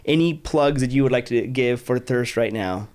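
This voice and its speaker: A man's voice: mid-range voice, moderate pace, darkish tone, clear, resonant tone. Male podcast host from Utah, mid-range voice, chatty and enthusiastic, casual interview talk full of restarts. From Utah, United States.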